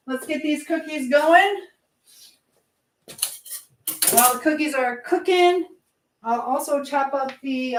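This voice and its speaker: Her voice is high-pitched with a fairly bright tone, and the recording has a slight hiss or hum. She's an American livestream host who cooks in her home kitchen, casually chatting with viewers and reading out and answering their comments.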